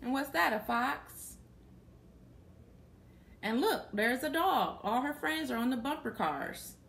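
In a small plain room, a young woman reads a picture book to children and pauses to quiz them. Her high-pitched voice is creaky yet fairly bright, with lively intonation and a slow, unrushed pace.

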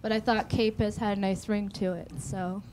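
A woman's voice: medium pitch, little pitch movement, normal speed, darkish tone, a little hiss or hum. A woman appearing as a talk-show guest, rambling nervously and restarting often while speaking into a handheld mic on a studio couch. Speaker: guest, founder of an internet radio station. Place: TV studio set, seated on a couch.

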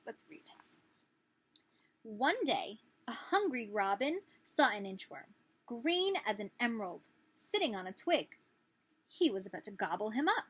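In a small indoor living room, a woman in her thirties reads a picture book aloud like a teacher, expressive and asking small children questions. Her voice is medium-pitched and husky, and the audio is poor.

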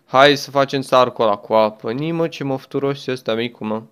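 A man's voice: medium pitch, fairly bright tone, smooth. A young man chatting his way through a game as a gaming YouTuber, exclaiming often and talking to the game and a friend. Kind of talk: let's play commentary.

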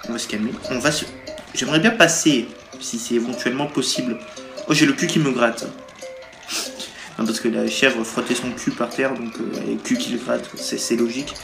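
A man's voice: medium pitch, steady tone, moderate pace, vocal fry. A man giving playful, joking commentary while playing a mobile game, recorded on a tablet's built-in mic, with lots of hesitations. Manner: playful, jokey, frequent hesitations. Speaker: gaming YouTuber. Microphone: tablet mic through game-recording app. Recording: roomy sound over game music.

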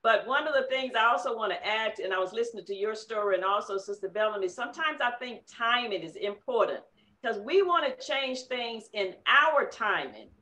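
Woman, higher bright voice, reflective encouraging talk, roomy echo. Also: lively intonation, moderate pace, slight background noise. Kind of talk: casual group discussion. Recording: echoey room.

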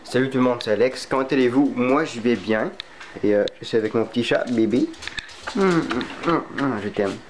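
A young man talks casually to his viewers, joking around and slipping into playful mock alarm. His voice sits at an ordinary middle pitch. A faint hiss of noise runs under the recording. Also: normal speed. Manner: playful, mock-panicked cries for help. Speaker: vlogger. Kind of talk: casual vlog chat.

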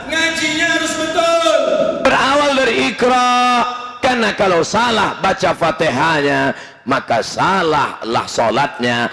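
A man preaching a humorous, lively sermon in a mosque, with bursts of shouting. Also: on the high side. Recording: long reverb in mosque hall.

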